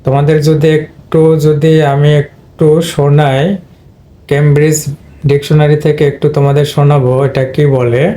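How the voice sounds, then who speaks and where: Male teacher, mellow, fairly high voice, explains step by step and repeats himself to students. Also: little pitch movement, moderate pace. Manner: repeats and addresses students directly. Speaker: English pronunciation teacher. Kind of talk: explanatory lesson.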